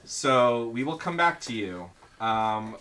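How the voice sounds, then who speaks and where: A man's voice: medium pitch, expressive, slow pace, sharp tone, slight background noise. A man running a tabletop role-playing game as game master, talking casually and repeating words while he improvises.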